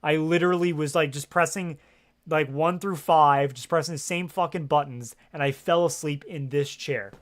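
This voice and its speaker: A man's voice: a little high, fairly even intonation, normal speed. A man streaming a video game, chatting casually into a gaming headset from his home setup, rambling with plenty of fillers and frequent swearing. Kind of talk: casual livestream chat.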